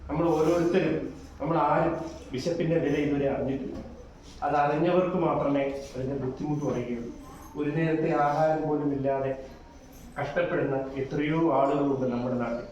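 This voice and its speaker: A man playing a kind, earnest schoolteacher who coaxes his pupils gently and then lectures them on right and wrong, recorded from a distance in a very echoey room. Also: fairly high pitch, steady tone, moderate pace, a little hiss or hum, close to an everyday voice. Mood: consoling, preachy. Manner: gentle, coaxing, moralizing. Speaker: teacher. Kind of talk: amateur short-film acting. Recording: echoey room, mic far off.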